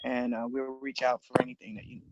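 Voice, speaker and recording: A woman's voice: very deep voice, lively intonation, fast talker, creaky, breathy edge, no echo. A woman coordinating a youth program, welcoming students on a video call in a casual, encouraging way. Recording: muffled video-call audio.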